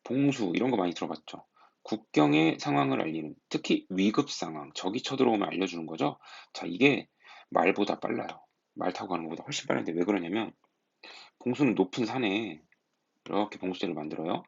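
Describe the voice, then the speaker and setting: A man teaching a high school history lesson, explaining step by step and putting rhetorical questions to his students. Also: expressive, fairly quick, gravelly, husky. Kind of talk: classroom lecture. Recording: dull lo-fi recording.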